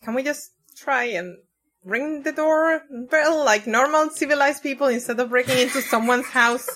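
A woman's voice: sits high, normal speed, fairly bright tone. A woman playing a character in a tabletop game, speaking wryly and making a case for good manners. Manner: wry, polite-minded player. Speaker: player. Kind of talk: casual game talk.

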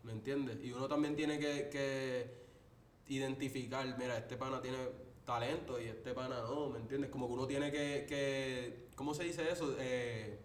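Man, music producer, relaxed talk, set back from the mic, echoey room. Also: medium pitch, normal speed, distant mic, a little hiss or hum. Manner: relaxed, laughing, repetitive fillers. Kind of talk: casual chat. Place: podcast studio.

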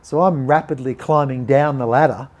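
An Australian man appears as a podcast guest, telling a personal story and animatedly acting out the voices of the people in it. His voice is mid-range at a moderate pace, and the recording is muffled.

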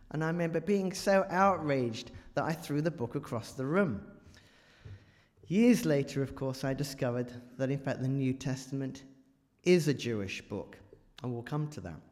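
A guest preacher from England speaks to a large church congregation in a chatty, humorous style, stopping to quiz his listeners. His voice sits on the high side and sounds a little mellow. The recording is reverberant, made in the church hall.

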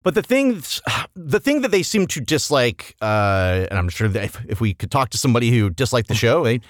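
A man hosts a casual review podcast with emphatic, analytical opinions and some swearing. His pitch moves around a lot, and the sound is close and dry. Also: big pitch swings, brisk, no room sound. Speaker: podcast host.

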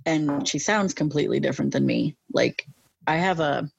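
Woman, lateral lisp, rambling casual talk, gravelly, slightly dull sound. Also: low voice, huge pitch swings, moderate pace, dry recording. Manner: casual, rambling with many fillers. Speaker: interview guest. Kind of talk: casual interview chat.

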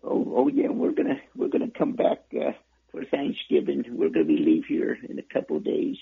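Older man, folksy rambling caller, very gravelly, raspy, tinny phone line. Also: mid-range voice, wildly swooping pitch, brisk. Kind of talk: joking phone call.

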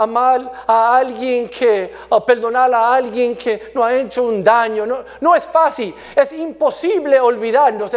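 A man delivers a sermon in a high, light voice at an unhurried, deliberate pace. He is earnest and often restarts or repeats words. His delivery swings between raised, emphatic passages and hushed ones. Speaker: preacher.

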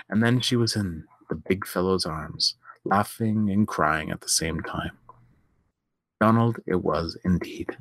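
A man, the host, reading a story aloud in a measured, expressive way. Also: deep voice, no room sound, studio quality.

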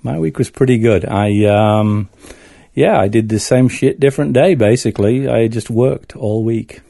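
A middle-aged man from the north of England talks casually as a podcast guest, with a Northern English accent. His voice is relaxed and mellow, his manner wry and self-deprecating, and the recording is dry. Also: mid-range voice, moderate pace, creaky, dry recording. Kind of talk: casual chat.

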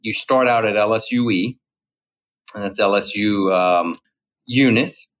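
A man's voice: on the low side, measured pace, a bit bright. A middle-aged man from Louisiana with a Cajun accent, a guest chatting casually, rambling and repeating his words. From Louisiana, USA. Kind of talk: casual interview talk. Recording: dull lo-fi sound.

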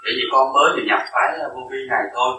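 A man's voice: medium pitch, racing, pushed and bright, a little hiss or hum. A man, a new disciple, politely and formally asking his teacher for more time, somewhat hesitant. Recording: roomy, distant, faint ambience.

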